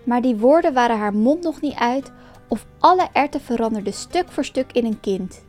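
A woman storyteller reading a folk tale aloud in a calm, expressive way. Her voice is notably high. Soft music plays faintly behind her. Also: moderate pace. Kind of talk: scripted folk tale narration.

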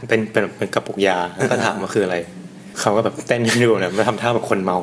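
A man co-hosting a casual food podcast, telling stories in a quick, chatty way. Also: lowish voice, steady tone, background noise. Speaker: podcast co-host.

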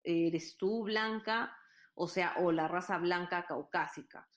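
This Peruvian woman's voice is fairly low and slow, carrying a Peruvian Spanish accent. Chatting casually, she tells her stories earnestly, hesitating often and leaning on plenty of fillers.

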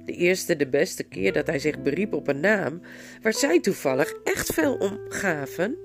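A woman narrating a storybook in an expressive, lively reading. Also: on the low side, unhurried, over music. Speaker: audiobook narrator.

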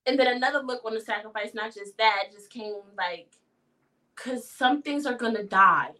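An emphatic woman hosts a casual podcast chat, her voice high and bright. She piles up repeated words for effect and swears freely. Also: moderate pace, rough recording. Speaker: podcast host.

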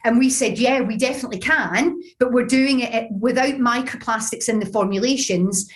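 A woman's voice: on the high side, normal speed. A woman with a Glaswegian accent giving conversational interview answers, explaining her points with examples. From Scotland. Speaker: business founder, interview guest.

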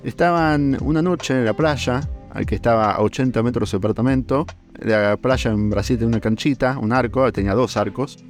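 Argentine man telling a lively story. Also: medium pitch, faint music behind. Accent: Argentine Spanish. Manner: animated, drawn-out fillers, laughs while telling. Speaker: podcast host. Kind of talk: casual storytelling chat.

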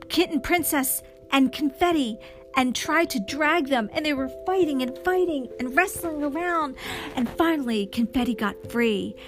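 A woman babysitter spins a bedtime story at a slow, unhurried pace, her voice on the higher side. She softens it to near whispers as the tale grows sad, while music plays behind her. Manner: slow, gentle, dropping to a whisper. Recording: storytelling over clear background music.

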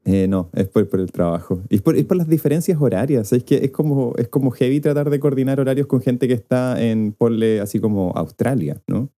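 A man's voice: medium pitch, fairly quick, hardly any pauses, dark tone. A man co-hosting a casual chat, speaking with dry, wry humor. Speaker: podcast co-host.

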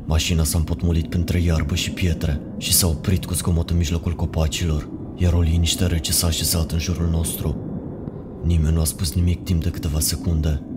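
A man narrating a horror story in a measured, ominous way. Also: a bass voice, heavy background noise. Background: music.

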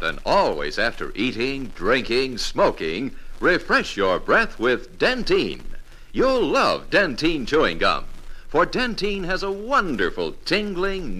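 Casting: vintage male ad announcer, unhurried, forceful, with very wide swoops of pitch. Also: low-quality recording. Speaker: commercial announcer. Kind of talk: 1950s radio advertisement read.

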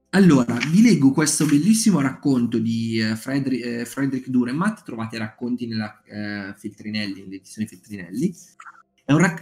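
A man with a warm, medium-pitched voice hosts a casual live stream where he leads a writing group, recommends short stories, reads from books and chats with his audience, using lots of fillers and restarts.

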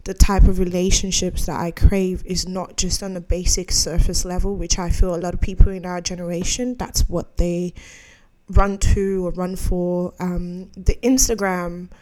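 A young adult woman hosts her own solo podcast monologue in a fairly low, warm voice with a level tone and moderate pace. She speaks candidly, wanders off on tangents, and laughs often.

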